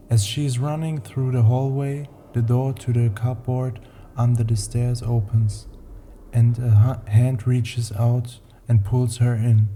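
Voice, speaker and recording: A man narrating short horror stories in a slow, deliberate, ominous manner. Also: mid-range voice, warm tone, slight background noise. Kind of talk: scripted horror story narration.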